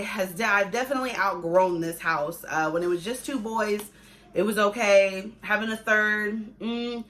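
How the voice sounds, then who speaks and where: A woman's voice: mid-range voice, fairly bright tone, a little hiss or hum. A young adult woman vlogging as a mother, chatting casually and conversationally to viewers, repeating herself for emphasis. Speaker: family vlogger, pregnant mother. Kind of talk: casual chat to viewers, pregnancy update.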